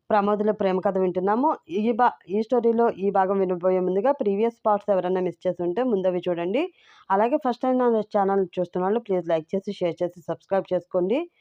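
A woman's voice: medium pitch, a little mellow, lo-fi sound. A woman hosting her channel, chatting to listeners and reading a romance story aloud. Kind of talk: narrated love story reading.

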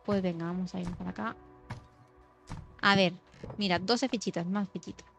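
A young woman gaming streamer chats casually and mutters to herself while playing, sometimes dropping into a mock ASMR hush. Her lowish, creaky voice is steady at a moderate pace, and the recording sounds slightly dull with faint music.

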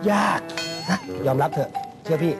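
A woman's voice: normal speed, music in the background. A woman acting as an older acquaintance in a sketch comedy, teasing and gossipy.

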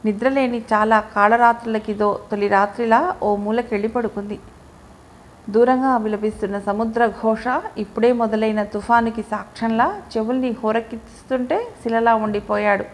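A woman's voice: on the high side, steady tone, normal speed, low-quality recording. A woman reading a novel aloud as an audiobook, voicing every character herself with little change of voice. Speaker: audiobook narrator.

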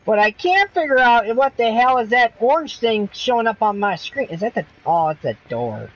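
A man's voice: extremely high pitch, very animated, moderate pace, no room sound, low-quality recording. A man chatting over a headset during a co-op shooter game, ranting and swearing in frustration at his teammates. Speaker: gamer streaming co-op play. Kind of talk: casual gaming chat.

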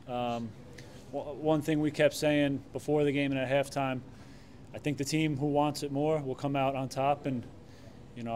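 In a stadium press room, a soccer goalkeeper in his thirties answers reporters' questions in a relaxed manner, with lots of fillers and restarts. His pitch is medium, and a faint hiss or hum runs under the recording.

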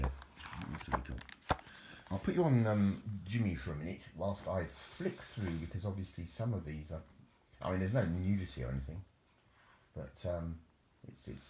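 Rambling deep-voiced man. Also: a little mellow, a little hiss or hum. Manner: rambling, repeats words, chuckling asides. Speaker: vlogger. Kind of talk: casual reminiscing over old photos.

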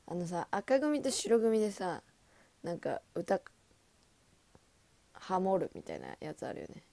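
Young woman streamer chatting w viewers, dry close sound, lively swoopy voice. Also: lowish voice, a little slow, creaky, dry recording. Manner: chatty, laughs often, bursts of loud excitement. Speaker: idol livestream host. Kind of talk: casual livestream chat reading comments.

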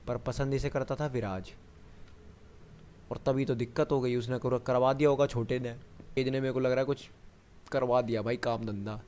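A man's voice: mid-range voice, fairly even intonation, normal speed, pauses often, a little mellow. Jumpy man narrating a horror game. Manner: chatty, keeps talking to himself and the viewer; jumpy, panicky bursts when the enemy appears. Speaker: gamer. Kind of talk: horror gameplay commentary.

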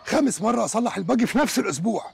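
Touchy Egyptian sitcom guy who drops English words, pitched high and quick. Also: expressive, creaky, a little hiss or hum, heavily acted. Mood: fussy. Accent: Egyptian Arabic. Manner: indignant, whiny, takes offense easily. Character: fussy, touchy man who sprinkles English words into his talk. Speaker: sitcom character. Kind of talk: TV sitcom acting.

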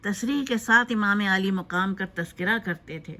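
A woman giving a spoken tribute in a loose, unscripted way, pausing often with fillers. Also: mid-range voice, pushed and bright. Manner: hesitant, with frequent filler pauses. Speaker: narrator of a tribute video.

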